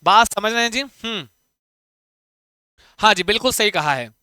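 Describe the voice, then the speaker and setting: High, bright-voiced male Sanskrit teacher. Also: expressive, smooth, no echo. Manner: coaxing, asks students questions; chants Sanskrit verse slowly. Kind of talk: online exam-prep lesson.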